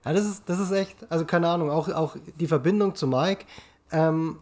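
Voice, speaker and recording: A man co-hosting a podcast, chiming in with short replies and halting restarts. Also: fairly high pitch, darkish tone. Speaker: podcast co-host. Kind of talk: casual chat.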